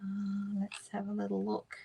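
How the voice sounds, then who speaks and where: A woman's voice: medium pitch, monotone, a little slow, creaky, dark tone, slight background noise, rough recording. Chatty Australian woman hosting a craft livestream. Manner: chatty, reads out viewer comments, self-correcting. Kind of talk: casual live craft demonstration.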